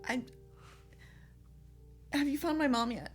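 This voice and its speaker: A woman's voice: sits high, slow, soft background music, pitched above the performer's own voice. A woman voicing a frightened young child who pleads and calls for her parents. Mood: scared. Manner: panicked, pleading.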